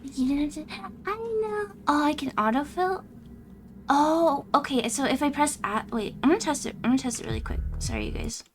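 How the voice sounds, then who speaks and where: A young woman streaming a game, chatting casually, reacting aloud and thanking her viewers, her voice going hoarse. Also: sits high, big pitch swings, normal speed, a little hiss or hum. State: losing her voice.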